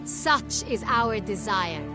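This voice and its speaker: An actress voicing a gracious ruling duchess in a video game, speaking in formal, stately court language. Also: female voice, medium pitch, animated, slow, music in the background. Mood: ceremonial. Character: gracious regal duchess, ruler of a realm.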